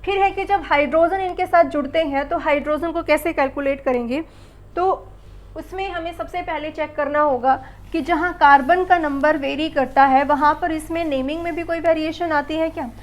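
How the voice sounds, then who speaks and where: Speaking at a moderate pace in a high voice with fairly even intonation, a woman teaches chemistry to a school class. She calls the pupils beta and bachche, asks them questions she then answers, and repeats key words.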